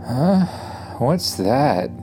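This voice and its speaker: A man's voice: mid-range voice, big pitch swings, very slow, warm tone, faint music behind, voice pushed up. Man as a casual, incredulous storybook kid. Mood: puzzled. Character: casual young child hero of a bedtime space story.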